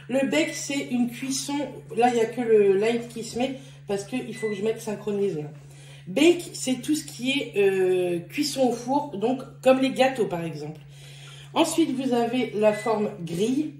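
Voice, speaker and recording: A slightly high-voiced woman walks viewers through a kitchen appliance in a relaxed, chatty way, full of fillers and little self-corrections. Her voice echoes in a roomy space with a faint ambient hum behind it. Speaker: beauty and lifestyle vlogger. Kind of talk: casual product demonstration.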